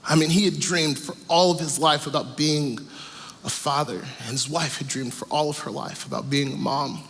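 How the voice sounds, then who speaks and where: Earnest preaching man, slightly high voice. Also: steady tone, normal speed, fairly bright tone, in a large hall, slight background noise. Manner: earnest storytelling preaching with emphatic repetition. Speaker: pastor. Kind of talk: sermon. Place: church auditorium.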